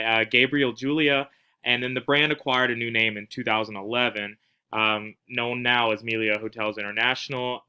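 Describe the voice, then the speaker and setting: A man's voice: medium pitch, sharp tone, clear, resonant tone. A man giving a casual recorded class presentation, with frequent fillers and restarts. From not from Spain. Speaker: student presenter.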